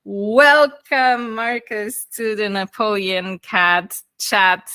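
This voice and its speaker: Female podcast host, upbeat and chatty, bright tone, dry close recording. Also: mid-range voice, fairly even intonation, extremely slow, clear, resonant tone, no echo. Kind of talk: interview hosting.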